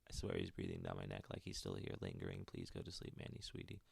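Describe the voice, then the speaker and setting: A man putting on a grieving mother whose confession comes out in a hushed, sunken murmur, far below his usual voice. The words drag slowly with a gravelly edge. The sound is close and dry. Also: sing-song, no echo, exaggerated voice. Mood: hushed, haunted. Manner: hushed, slow and very low.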